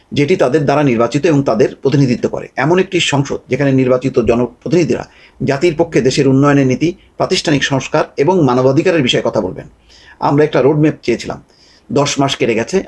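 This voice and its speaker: A man giving a measured, steady news report. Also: mid-range voice, husky.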